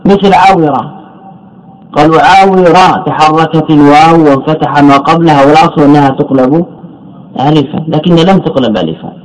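Brisk and fairly high-pitched, a male sheikh explains a text on Arabic morphology to a classroom, though the recording quality is low. He quizzes the students, answers his own questions, and goes back over key words.

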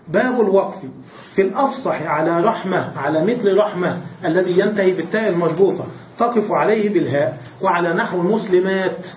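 A man's voice: high-pitched, slight background noise. A man, a religious scholar, giving a classroom grammar lecture, asking questions and answering them himself. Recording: distant, roomy, dull lecture recording.

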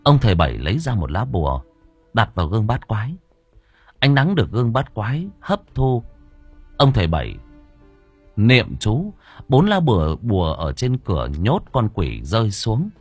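A man narrating a horror story in a dramatic, expressive way. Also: on the low side, normal speed, slightly rough, no echo, faint music behind. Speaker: audiobook narrator.

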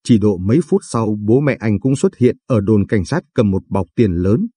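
Man, storyteller, scripted narration, earnest, husky, dry close sound. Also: fairly low pitch, lively intonation, normal speed, warm tone, no echo. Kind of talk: scripted first-person narration.

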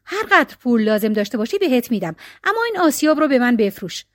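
A greedy rich brother pressing and wheedling to get his way, pitched high with a lively, swooping line, as a woman storyteller puts him on. The storybook voice is close and dry. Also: dry recording. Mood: insistent. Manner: insistent, wheedling. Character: greedy rich brother, pushy adult man.

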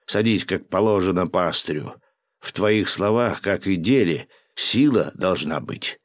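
A man voicing a gruff, domineering governor who barks orders and drinks hard, in a storybook reading. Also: low voice, lively intonation, measured pace, no room sound. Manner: gruff, barking, commanding.

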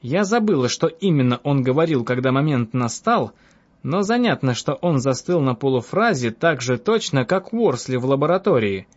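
A man's voice: medium pitch, very animated, moderate pace. A man voicing a cunning, bold young woman who tells her escapade with mocking self-assurance. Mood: amused scheming. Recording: dull lo-fi audiobook with faint music.

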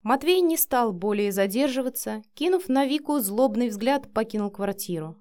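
A woman narrating a romance novel in a steady, expressive reading voice. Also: on the high side, normal speed.

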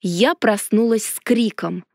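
A woman narrating a fantasy storybook in a lively first-person telling. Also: medium pitch, slow, gravelly, dry recording, studio quality. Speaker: audiobook narrator.

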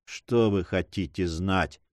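A man voicing a terrified, tortured male prisoner who swings between hushed pleas and desperate outcries. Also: on the low side, lively intonation, a little slow, no room sound, clean studio sound, voice pushed down. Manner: desperate, alternately whispering and crying out.

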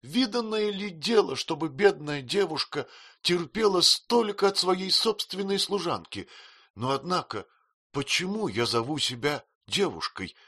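A man voicing an emotional, tearful young widowed mother, in a high, plaintive, pleading voice. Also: lively intonation, a little slow, pushed and bright, slightly rough, full character voice.

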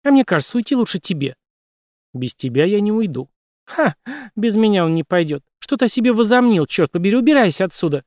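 An angry, defiant young woman snaps and swears at a man who has crept up on her, voiced by a male reader. Her lines sit high, with lively, jumping pitch. The read is dry and close, storybook style. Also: moderate pace, no room sound. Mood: scornful. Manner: sharp, scolding, swearing. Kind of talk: audiobook character reading.

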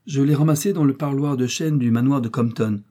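A man's voice: mid-range voice, brisk, mellow, voice pushed up, close to an everyday voice. A man voicing a constable giving evidence in a matter-of-fact way. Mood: testifying.

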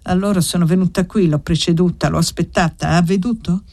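A woman's voice: fairly low pitch, fairly even intonation, a little fast, darkish tone. A woman reading the part of a desperate young foundling woman in an audiobook, pleading and insistent.

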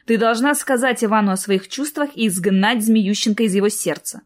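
A woman reading the lines of a brisk, teasing writer who schemes on her sister's behalf. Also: a little high, lightly acted. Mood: firm.

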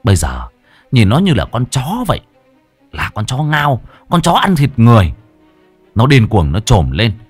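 Man, dramatic story narration, very lively pitch, dry close mic, faint music underneath. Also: normal speed, husky, no echo. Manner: vivid, emphatic, rising with the action.

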